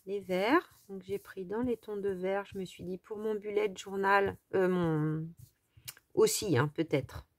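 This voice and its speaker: A woman's voice: medium pitch, measured pace, no room sound. Chatty woman showing a craft haul. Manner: chatty, enthusiastic about small items, lots of fillers. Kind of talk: casual haul vlog, showing items to camera.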